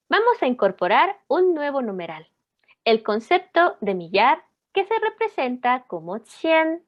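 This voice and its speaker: A woman giving a scripted lesson narration, explaining in a measured, clear way and reading examples slowly. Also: fairly high pitch, highs cut off. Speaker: language teacher.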